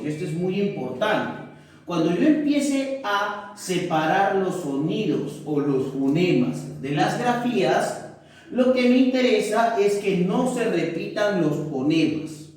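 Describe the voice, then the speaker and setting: A male teacher giving a recorded lesson, unhurried and checking in with the class often. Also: high voice, darkish tone. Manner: unhurried, keeps checking in with correcto and ya. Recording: echoey room, mic at a distance.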